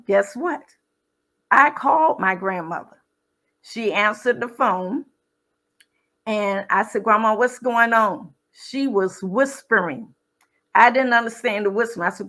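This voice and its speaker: A middle-aged woman gives a personal testimony at a caregiving summit. She speaks slowly and earnestly, in a mid-range voice, and mixes her family story with talk of her faith. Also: mid-range voice, fairly bright tone.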